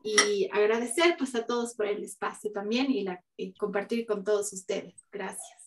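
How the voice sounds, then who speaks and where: A woman's voice: mid-range voice, steady tone, normal speed, background noise. A young woman presenting her artwork on a video call, hesitant, with many fillers and restarts. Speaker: exhibiting artist. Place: home room. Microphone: video call, camera a few feet away.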